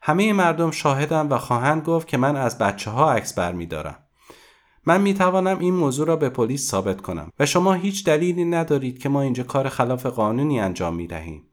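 A man reading a storybook aloud and voicing a scheming, sharp-tongued young woman swindler who speaks high, loud and defiant. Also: very animated, lightly acted.

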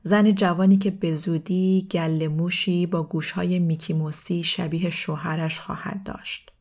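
A woman narrating a first-person story in a calm, even reading voice with dry asides. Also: on the low side. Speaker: audiobook narrator.

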